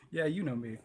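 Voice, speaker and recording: A young man hosting a casual group podcast, laughing often and filling pauses with "uh" and "um". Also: high-pitched, a little hiss or hum. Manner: giggly, lots of laughing and filler. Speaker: podcast host.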